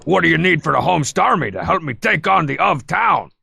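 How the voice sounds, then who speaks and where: A man voicing a scheming, pompous little cartoon tyrant with a gravelly, barking, scornful delivery. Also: fairly high pitch, lively intonation, brisk, bright, forceful tone, full character voice. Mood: scheming, pushy. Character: scheming, blustery little cartoon villain turned tyrant, male. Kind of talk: cartoon game acting.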